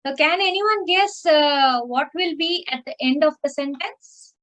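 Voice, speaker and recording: A woman's voice: high voice, a little slow, a bit bright. A woman teaching a beginner language class over a video call, patiently explaining and checking in with her students. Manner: patient, repeats and checks with "okay?". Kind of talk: online class instruction.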